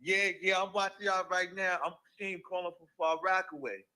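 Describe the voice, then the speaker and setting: A man phones into a talk show over a clipped line with a bad connection, so he sounds faint and far from the mic. His voice sits a little high and sounds very bright. He talks in a rambling way and keeps repeating himself. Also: steady tone, moderate pace. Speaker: caller. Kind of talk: call-in show chat. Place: calling in by phone.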